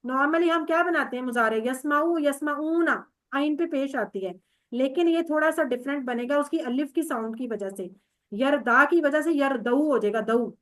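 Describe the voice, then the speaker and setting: Woman teacher with a Pakistani Urdu accent, high voice, patient, drills verb conjugations and calls on students. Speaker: Arabic grammar teacher. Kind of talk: online class teaching.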